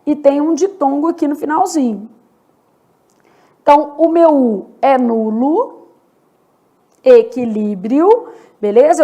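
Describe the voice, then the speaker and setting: A Brazilian woman teaching a Portuguese grammar lesson, slow and deliberate, asking questions and answering them herself. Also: high voice, a little mellow. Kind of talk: exam-prep grammar lesson.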